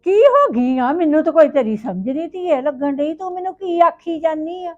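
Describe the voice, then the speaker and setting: A woman's voice: sits high, animated, normal speed, phone-quality sound, soft background music. A woman playing an older, hard-of-hearing grandmother who mishears and scolds in a homemade village drama. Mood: mishearing.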